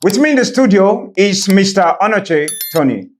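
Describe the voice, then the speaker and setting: A man's voice: sits high, lively intonation, moderate pace. A man with a Nigerian accent hosting a show, formally introducing people and putting questions to a guest. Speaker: show host.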